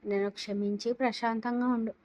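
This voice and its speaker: A woman's voice: a little high, flat delivery, a little fast, a little mellow, natural voice. A woman reading the lines of a worried grown son who soothes his mother anxiously. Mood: soothing.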